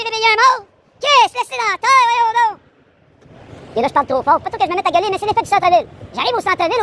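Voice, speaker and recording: Québécois man, very high voice, rapid-fire street vlog rant, preachy and grandiose, outdoors downtown. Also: bright, forceful tone, a little hiss or hum. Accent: Québécois French. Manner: rambling, preachy, grandiose, frequent giggles. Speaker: vlogger. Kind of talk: rambling street vlog monologue.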